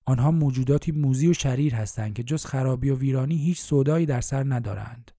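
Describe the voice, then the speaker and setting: A man's voice: medium pitch, mellow, dry recording, studio quality, lightly acted. A man voicing a loyal male elf officer who explains things earnestly in a storybook.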